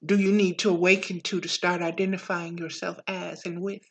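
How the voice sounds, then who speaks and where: A woman's voice: fairly low pitch, little pitch movement, moderate pace, slightly rough. A woman giving a reflective spiritual monologue as a teacher, in a preaching manner.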